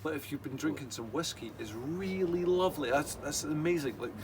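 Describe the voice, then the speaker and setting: A man's voice: fairly high pitch, brisk, noisy background. A man chatting casually, sounding tipsy, rambling and repeating himself, with some swearing. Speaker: whisky review show host. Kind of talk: casual drunken banter.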